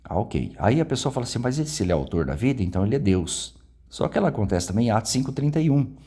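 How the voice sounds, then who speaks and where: A man's voice: medium pitch, big pitch swings, rapid-fire, mellow, breathy edge. A Brazilian man with a Brazilian Portuguese accent, giving an informal Bible lesson and often checking in with his listeners. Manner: conversational, frequent tag questions. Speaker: Bible teacher.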